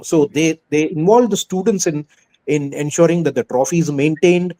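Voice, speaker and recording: Interviewee, male school head, Indian accent. Soft-edged tone, pitched a little above average, earnest and emphatic. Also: normal speed, low-quality recording. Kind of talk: conversational interview answers.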